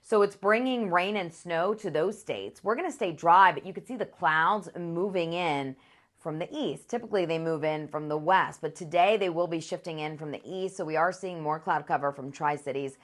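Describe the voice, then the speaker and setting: A woman's voice: on the low side, moderate pace, few pauses. A woman presenting a TV weather forecast in a conversational, upbeat way. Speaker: meteorologist.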